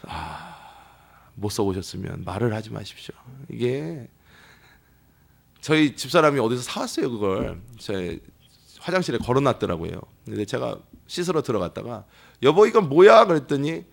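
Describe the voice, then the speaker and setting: A pastor preaching a sermon in a church, telling stories with lively, acted-out voices. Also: male voice, mid-range voice, moderate pace, gravelly. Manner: lively storytelling that acts out quoted people. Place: church sanctuary.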